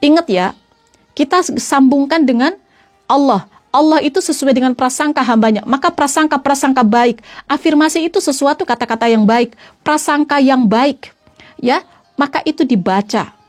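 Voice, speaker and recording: A woman preacher with a high voice gives an earnest religious talk to her online followers. She keeps repeating her points and pauses now and then to answer greetings in the comments. Soft music plays faintly behind her. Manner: earnest and repetitive, often calling listeners "friends". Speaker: female Islamic preacher (ustazah).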